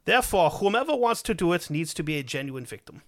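A man's voice: fairly high pitch, big pitch swings, fast talker. A man voicing a German man offering himself up, in a put-on German accent with formal, earnest wording.

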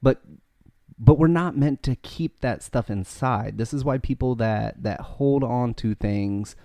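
A man co-hosting a faith podcast, talking fast and earnestly, often restarting his sentences. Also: medium pitch, warm tone, dry recording, clean studio sound. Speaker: podcast co-host. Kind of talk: casual faith podcast chat. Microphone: podcast mic.

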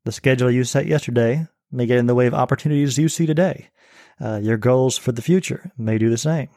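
A man putting on a crisp British essay reader. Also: mid-range voice, fast, dark tone, dry recording, studio quality, close to an everyday voice. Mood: measured. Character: man reading an essay in a put-on British accent. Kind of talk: reading aloud from own essay.

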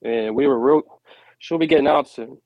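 A man's voice: medium pitch, moderate pace, no room sound. Sick male caller on a breaking-up phone line. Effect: phone line cutting out, bad connection. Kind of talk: call-in phone chat. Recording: dull, dry phone line.

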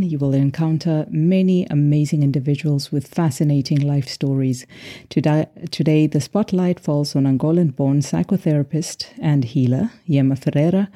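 A woman hosting an interview podcast who reads the intro and asks questions, listening quietly. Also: low voice. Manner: quiet, attentive, with many soft murmurs of assent. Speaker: podcast host. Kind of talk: interviewing and reading a show intro.

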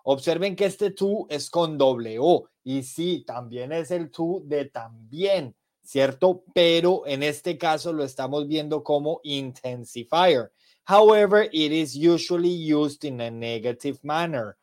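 A man leads a podcast English lesson at an unhurried pace. His voice sits a little high for a man, and he explains each example patiently, with friendly asides to his listeners. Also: a little mellow. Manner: slow explanations switching between Spanish and English examples. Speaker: English teacher.

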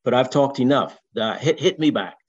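An older man from Barbados with a Barbadian accent, talking in a casual discussion, with lots of repeated words and a wordy, deliberate manner. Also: medium pitch, expressive, slightly rough. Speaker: discussion participant. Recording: dull lo-fi sound.

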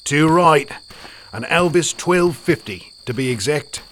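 A man's voice: a little high, animated, unhurried, a bit bright, slight background noise. A man doing a breezy Australian bushman. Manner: breezy, slangy, matter-of-fact.

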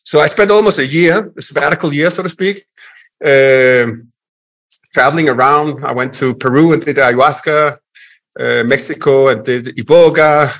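A man in his forties from Denmark with a Danish accent, a guest telling his life story in a relaxed interview, with many pauses and restarts. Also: on the high side. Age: 40s. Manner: frequent fillers and restarts, reflective.

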